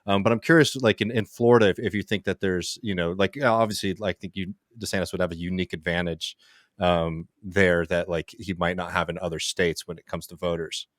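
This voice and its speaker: A man's voice: deep voice, steady tone, a little fast, a bit bright, no room sound, studio quality. A man co-hosting a political podcast in casual chat, rambling with many fillers. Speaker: podcast co-host.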